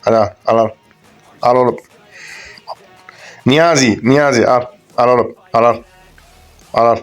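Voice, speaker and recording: A man's voice: medium pitch, fairly even intonation, a little slow, clear, resonant tone, faint music behind. A young man giving casual, crude, joking commentary over a game, rambling and swearing as he plays. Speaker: gaming YouTuber.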